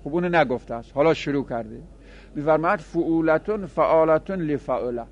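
A man teaching a grammar lesson to seminary students, chanting example words slowly and then explaining them in quick asides. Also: a little high, lo-fi sound. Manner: addresses students directly, with small laughs. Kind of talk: classroom lecture on Arabic grammar.

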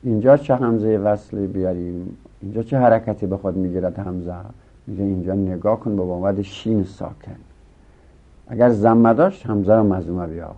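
Male grammar teacher with a lowish voice, patient and repetitive lecture delivery, muffled lo-fi audio. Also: steady tone. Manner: explains step by step, repeats rules, asks and answers own questions. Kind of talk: classroom lecture. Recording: dull lo-fi recording.

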